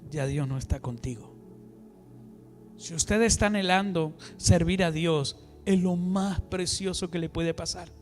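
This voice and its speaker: A high-pitched man preaches a passionate sermon in a church hall. His voice rings with a long reverb, and soft music sits underneath. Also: measured pace. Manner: impassioned, swings between loud exhortation and hushed asides. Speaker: apostle preaching.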